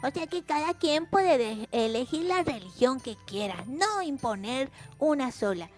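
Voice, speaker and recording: Very high, sing-song woman teaching children. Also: expressive, measured pace, faint music behind. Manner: repeats words for emphasis, chatty explanations. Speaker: educational video channel host. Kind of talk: simple history lesson addressed to children.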